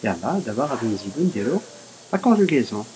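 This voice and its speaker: A woman's voice: rumbling low, sing-song, racing, mellow, slight background noise, rough recording. A woman with a Moroccan accent teaching a primary school French lesson, patiently spelling words out letter by letter.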